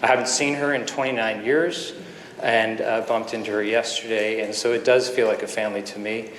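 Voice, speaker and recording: A man in his fifties, a surgeon giving an earnest keynote speech full of anecdotes, with pauses and fillers, at a podium microphone in a conference hall. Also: fairly low pitch, level tone, a bit bright, a little hiss or hum. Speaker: guest speaker, surgeon. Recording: echoey hall with faint ambience.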